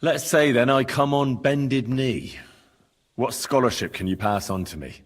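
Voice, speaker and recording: A man's voice: medium pitch, measured pace, natural voice. An actor playing a courteous, cheeky young male adventurer in a video game. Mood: playful.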